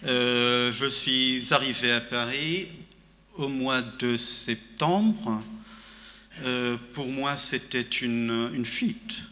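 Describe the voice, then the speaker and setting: A man on a literary festival panel talks thoughtfully with drawn-out words in a medium-pitched voice that's pushed and bright, full of fillers and restarts. The discussion echoes through a reverberant hall.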